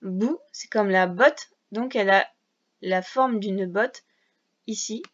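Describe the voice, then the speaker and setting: A woman's voice: mid-range voice, slow. A woman teaching a reading lesson to young children, patiently sounding out syllables and letters one by one. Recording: dull lo-fi sound.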